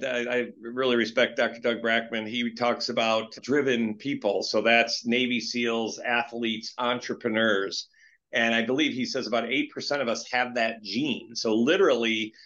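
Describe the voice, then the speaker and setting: A man in his late fifties, a guest entrepreneur, speaks in a casual interview with a mid-range voice and fairly bright tone, though the audio is dull. He's earnest and rambling, telling stories with animation.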